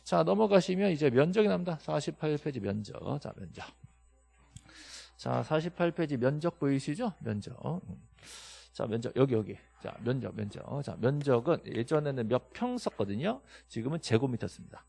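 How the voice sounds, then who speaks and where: A man teaching a classroom lecture, emphatic and quizzing his students with quick questions and answers. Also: mid-range voice, very animated, creaky, warm tone, breathy edge. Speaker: real estate law instructor.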